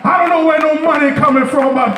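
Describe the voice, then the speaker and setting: High-voiced preaching man, echoey church. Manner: builds from calm teaching to shouted, half-sung preaching with call-and-response cries; stretches key phrases slowly for emphasis. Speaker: deacon preaching. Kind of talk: sermon. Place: church sanctuary with congregation. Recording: echoey church from far off, with faint music and crowd.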